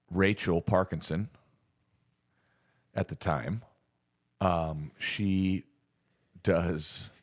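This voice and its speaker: A middle-aged man co-hosting a podcast, telling stories in casual chat and laughing as he goes. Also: low voice. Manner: animated storyteller, laughs through stories. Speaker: podcast co-host.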